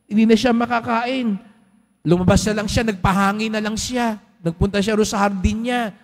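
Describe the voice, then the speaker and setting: Priest, male, very high voice, chatty storytelling sermon, long church echo. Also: steady tone, moderate pace. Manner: conversational storytelling with rhetorical questions. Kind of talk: Sunday homily. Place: large church. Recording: long church hall reverb.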